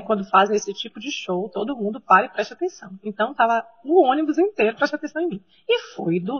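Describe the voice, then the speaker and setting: A woman's voice: fairly high pitch, slightly rough. A woman, telling a personal story in a devotional talk. She talks in a conversational way with frequent tag questions. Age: 30s. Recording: slightly muffled recording.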